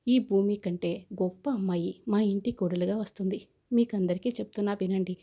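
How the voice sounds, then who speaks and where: A woman's voice: medium pitch, fairly even intonation, normal speed, warm tone, lightly acted. A woman reading the lines of a proud, defiant young man who calls off his wedding, in a scornful, lecturing way.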